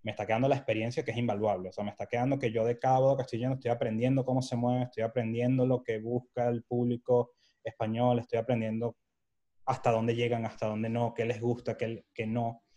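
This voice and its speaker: A man with a Venezuelan accent talks through his experiences as a guest in a relaxed interview. His voice is mellow and sits at a middle pitch. He brings his anecdotes to life by acting out the dialogue. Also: brisk, muffled recording. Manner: animated storyteller who acts out quoted dialogue. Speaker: guest photographer. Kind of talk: casual interview conversation.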